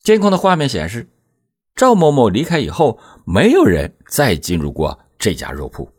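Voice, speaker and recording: A man hosting and narrating a scripted true crime program in a measured, suspenseful storytelling manner. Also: mid-range voice, huge pitch swings, breathy edge, dry recording, studio quality.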